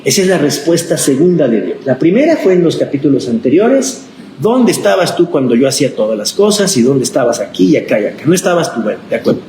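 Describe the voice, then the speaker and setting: A man's voice: mid-range voice, quick pace. A man, a pastor leading a conversational Bible study class, asking the group questions and acting out the voices he quotes. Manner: chatty and animated, acts out quoted voices, asks the class questions. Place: church classroom. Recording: echoey room with background noise.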